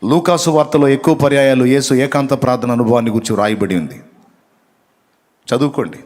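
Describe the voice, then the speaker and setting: A man's voice: medium pitch, fast talker, darkish tone. A man preaching a sermon who reads out Bible verses, asks the congregation questions and repeats key phrases for emphasis. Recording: long reverb of a hall.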